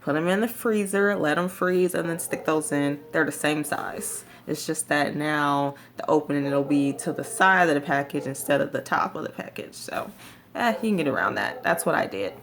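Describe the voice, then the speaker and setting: A woman's voice: low-pitched, moderate pace, slight background noise. A woman talking casually to viewers in a vlog, giving advice in an informal, emphatic way. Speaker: vlogger sharing jaw surgery recovery tips.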